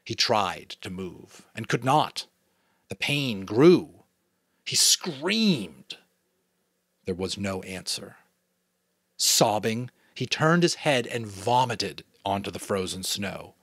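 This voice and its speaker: This audiobook reader is a New England father whose voice sits on the low side and sounds slightly rough as he reads slowly. He delivers the story dramatically with casual commentary, animated throughout, in a dry, clean studio recording with a New England American accent.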